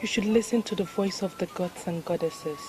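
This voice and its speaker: A woman's voice: fairly low pitch, a little fast, crowd noise, close to an everyday voice, poor audio. A woman with a Nigerian accent playing an earnest, pleading queen in a film drama, with formal phrasing. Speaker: actor. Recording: prominent film music behind the voice. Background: music.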